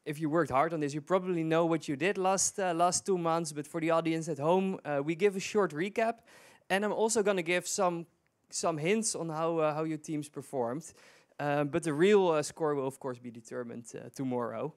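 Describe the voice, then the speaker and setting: Higher-voiced man presenting a challenge. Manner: halting, many fillers and restarts. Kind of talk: live event presentation.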